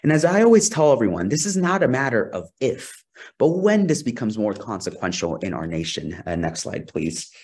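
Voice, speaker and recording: A man's voice: medium pitch, sing-song, moderate pace, darkish tone, husky. A young man from Peru, a social scientist giving a webinar presentation over a video call, earnest and asking for the next slide now and then. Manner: earnest, asks for next slide, some restarts. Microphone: video call webcam.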